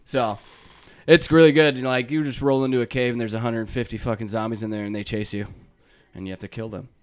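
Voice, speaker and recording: A man's voice: mid-range voice, fairly even intonation, fast talker, smooth. A man talking casually with friends on a podcast. He rambles about games and laughs often between his lines. His voice sits in an ordinary mid range for a man. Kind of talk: casual chat.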